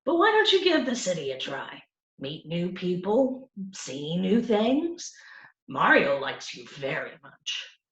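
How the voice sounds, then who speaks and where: A woman's voice: big pitch swings, takes it slowly, recorded from a distance. Woman playing a brash little city mouse, roomy sound. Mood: eager, coaxing. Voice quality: squeaky. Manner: scornful, know-it-all, coaxing.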